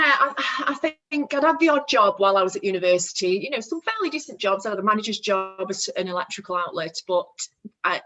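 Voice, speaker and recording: A woman's voice: lowish voice, bright, forceful tone, dull audio. Woman with a Stoke accent. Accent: Stoke-on-Trent, English. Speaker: podcast guest, construction business owner. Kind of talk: casual conversational interview.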